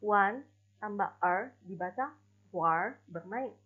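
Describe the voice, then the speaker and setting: In a recorded online class, a woman with a husky, medium-pitched voice teaches Mandarin. She explains slowly and deliberately, giving spoken examples. The recording sounds dull and lo-fi.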